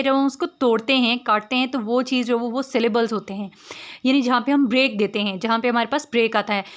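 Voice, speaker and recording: A woman teaching a lesson, explaining patiently and repeating example words slowly. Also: on the high side. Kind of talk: explaining word formation in Hindi-English mix.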